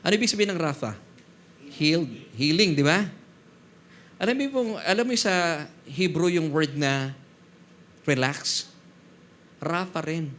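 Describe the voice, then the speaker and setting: Man, pastor, sermon, fairly high voice, animated, calls out to his congregation. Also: unhurried, long pauses, slight background noise. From Philippines. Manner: animated preaching, often prompting the congregation.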